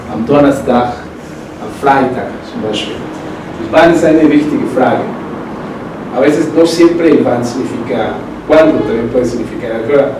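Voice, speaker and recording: A man's voice: medium pitch, dark tone. Man teaching German in an echoey room. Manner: slow, deliberate repetition of German phrases; conversational filler-laden explaining. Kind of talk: language lesson explaining vocabulary. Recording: echoey room, distant mic, background noise.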